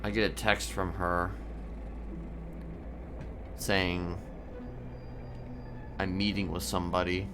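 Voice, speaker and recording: Loud music plays while a low-pitched male streamer, with little pitch movement, improvises as a brooding prisoner seeking to reform in a crime roleplay game. He confides wistfully, halting and deliberate, often repeating words.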